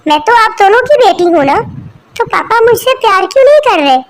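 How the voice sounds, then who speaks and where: A woman's voice: very high voice, animated, fairly quick, background noise. A woman voicing a helpless newborn baby crow girl in a cartoon, pleading and tearful. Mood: confused.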